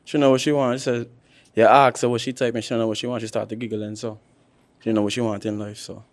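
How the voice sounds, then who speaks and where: A man's voice: mid-range voice, flat delivery, fast talker. Kittitian man bantering casually. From Saint Kitts and Nevis. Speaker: dating show contestant.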